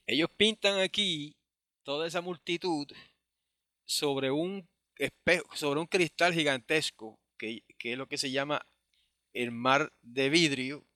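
Male Bible teacher, bright, dry close sound, chatty lecturing, reads Hebrew verses slowly. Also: a little high, dry recording. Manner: conversational, with frequent tag questions.

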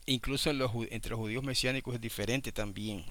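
Bright, crisp-voiced man preaching. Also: mid-range voice, fairly even intonation, quick pace, no room sound. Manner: explanatory, asks listeners rhetorical questions. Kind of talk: sermon teaching.

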